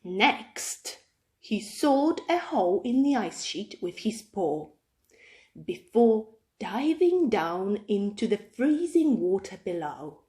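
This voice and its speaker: Woman, children's story reader, lively intonation, dramatic delivery, slow measured pace. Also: mid-range voice. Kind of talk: expressive storybook narration.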